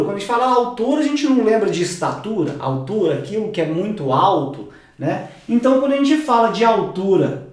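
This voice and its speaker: A man teaching music theory at a whiteboard, explaining patiently, repeating key words and dropping his voice low for asides. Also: darkish tone. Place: room with whiteboard. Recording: very echoey room.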